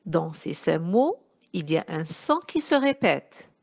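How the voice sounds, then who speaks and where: A woman's voice: deep voice, sing-song, vocal fry. A woman teacher giving a phonics lesson to young children, sounding out words syllable by syllable. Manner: slow, syllable-by-syllable dictation, addressing pupils warmly as children.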